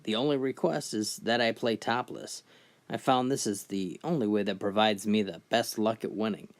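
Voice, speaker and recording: A man's voice: lowish voice, moderate pace, close to an everyday voice. A bold young blonde gambler, as a man puts her on in a joke story, in a confident, matter-of-fact voice that stays close to the teller's own everyday voice.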